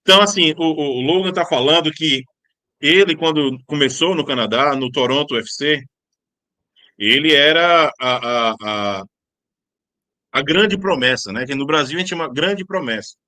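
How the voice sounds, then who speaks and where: Bright, dry-sounding Brazilian man interpreting. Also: fairly high pitch, lively intonation, dry recording. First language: Portuguese. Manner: halting, many fillers and restarts. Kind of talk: casual interview, translating.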